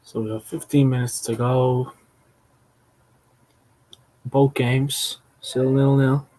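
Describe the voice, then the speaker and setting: A man's voice: medium pitch, level tone, takes it slowly, mellow, slight background noise, poor audio. A man hosting a fan watchalong, giving casual live match commentary, calling passes play by play with blunt, mocking remarks.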